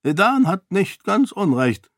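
A man voicing an aged, dignified duke who speaks in a measured, commanding way. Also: sits high, big pitch swings, no room sound, clean studio sound, pitched above the performer's own voice, exaggerated voice. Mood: stern measured.

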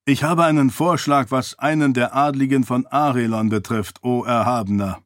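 A man's voice: medium pitch, steady tone, moderate pace, dry recording, clean studio sound, close to an everyday voice. A man voicing a scheming male priest who speaks formally and with deference to his master. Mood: deferential. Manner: ceremonious, smooth.

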